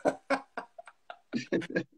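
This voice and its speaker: A man with a Brazilian accent hosting an interview and asking questions in a playful, joking way. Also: extremely slow. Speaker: host. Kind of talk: conversational interview.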